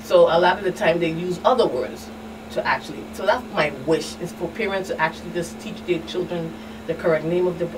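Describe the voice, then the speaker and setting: A community outreach specialist appearing as a guest expert answers in a fairly low, slightly fast voice. She is earnest, conversational, and repetitive, circling back and often adding "you understand" to check she's followed. The mic is distant, with clear background noise.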